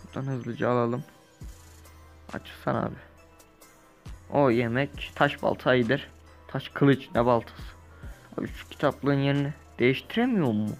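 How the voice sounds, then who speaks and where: A young man talks his way through a survival game, loose and rambling, catching his own slips as he goes. His voice sits at an ordinary middle pitch, with faint game music playing softly underneath. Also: normal speed, long pauses. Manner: chatty, rambling, self-correcting, lively bursts. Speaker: gaming YouTuber. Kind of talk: casual let's-play commentary.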